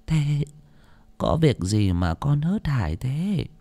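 A man's voice: very animated, dark tone, heavily acted. A man voicing a frail, half-blind, pious old grandmother in an audiobook story, quavering and tearful. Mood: gentle. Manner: quavering, slow and tearful, rising to shrill wails.

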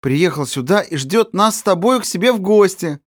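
A man's voice: high-pitched, expressive, moderate pace, dry recording, clean studio sound, voice pushed up. A man voicing a sly, honey-voiced scheming woman. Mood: soothing. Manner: honeyed, coaxing.

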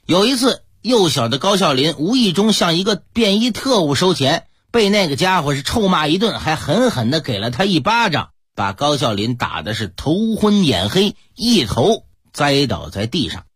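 A male radio host with a rough, husky voice narrates with a lively rise and fall. The sound is close and dry, with no room around it. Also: a little high, moderate pace, no echo.

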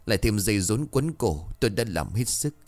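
A man's voice: lowish voice, very animated, brisk. A man voicing a hard, scheming old midwife who gives curt orders and feigns sorrow. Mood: feigned grief.

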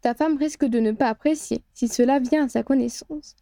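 A woman's voice: high voice, normal speed, vocal fry, dark tone, no room sound, clean studio sound. Brief: a sardonic wizard partner ribbing his colleague; voiced by a woman narrator. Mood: teasing. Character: teasing, wry male wizard partner.

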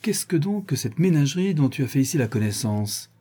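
A man's voice: fairly high pitch, big pitch swings, brisk, dark tone, breathy edge, voice pushed up. A man voicing a sarcastic young officer with a wicked tongue in a read-aloud novel. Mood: mocking. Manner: teasing, sarcastic. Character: mocking young officer, sharp-tongued gossip.

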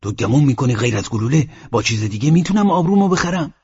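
A man's voice: mid-range voice, very animated, a little mellow, breathy edge, muffled recording, pitched above the performer's own voice. A man narrator voicing a proud young Tangestani man, talking in a heated, aggrieved outburst. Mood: bitter.

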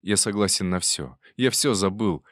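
A heartsick man in love, read by a male narrator in a storybook reading. His voice is low and pleading. The sound is dry and close. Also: lively intonation, moderate pace, fairly bright tone, dry recording.

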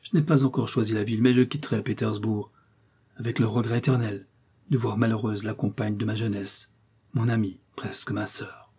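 A man's voice: on the low side, steady tone, dark tone, husky. A man reading a grave young man. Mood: sad. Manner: grave and measured. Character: earnest young man, grave, sorrowful friend. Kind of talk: audiobook character reading.

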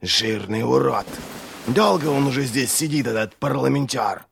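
A man's voice: mid-range voice, animated, normal speed, gravelly, a bit bright, in a large hall, slight background noise. A man reading an audiobook, voicing a bitter, sarcastic crippled middle-aged inquisitor who snarls through his pain. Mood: angry.

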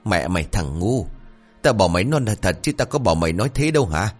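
A man voicing a vain, hot-tempered, toothless old sorcerer with a shrill voice, cursing and scolding in rapid outbursts. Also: sing-song, soft background music. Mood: angry scolding. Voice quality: shrill lisping voice from missing front teeth.

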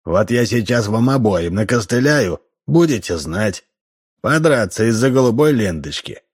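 A man voicing a sharp-tongued elderly publisher who scolds two brawlers. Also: on the low side, lively intonation, moderate pace, slightly rough. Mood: scolding.

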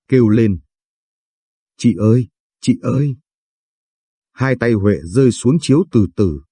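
A man reading literary short stories aloud in a slow, measured narration style. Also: on the low side, warm tone, slightly rough, dry recording. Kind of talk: scripted story narration.

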